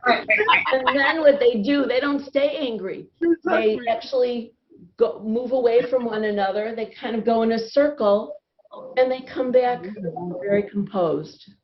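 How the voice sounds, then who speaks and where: Upbeat slow-talking woman leading laughter yoga. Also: on the high side, noisy background. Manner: upbeat, encouraging, breaks into laughter often. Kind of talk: guiding a group laughter session. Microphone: video call. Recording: dull lo-fi video call audio. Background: group of participants laughing and cheering.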